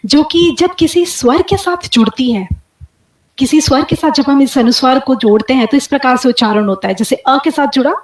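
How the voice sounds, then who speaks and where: A woman with a fairly high voice gives a webinar lecture from an echoey room over a video call. She demonstrates each sound aloud in a slow, clear teaching manner. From India. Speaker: guest lecturer.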